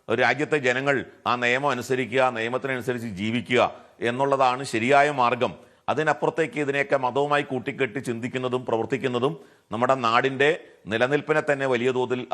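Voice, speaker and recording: This television debate panelist, a man with a Malayali accent, presses his argument and keeps posing rhetorical questions. He speaks at a medium pitch, and his tone is slightly bright.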